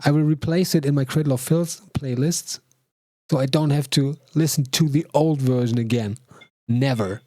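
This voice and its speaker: A man's voice: medium pitch, normal speed, darkish tone, no room sound. A man hosting a music stream and chatting casually with a guest, talkative and rambling, with many restarts. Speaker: stream host, producer.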